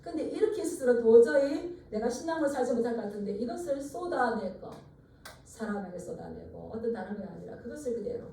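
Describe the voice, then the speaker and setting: A fairly high-pitched, dark-toned woman preaches with animated, brisk delivery and some vocal fry, with a little hiss or hum in the audio. She guides the congregation through call-and-response repetition in an echoey sanctuary, recorded from far away.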